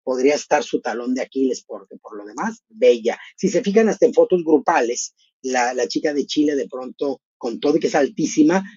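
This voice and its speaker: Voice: medium pitch, brisk, breathy edge, no echo, highs cut off. A middle-aged host, giving chatty live commentary on a beauty pageant and talking straight to viewers. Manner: expressive, chatty, addresses viewers directly.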